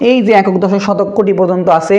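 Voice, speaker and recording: Brisk high-voiced young male math teacher. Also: fairly even intonation, dark tone, lo-fi sound. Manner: asks pupils questions and answers them himself; casual, calls pupils brother. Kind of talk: explaining a primary school math lesson.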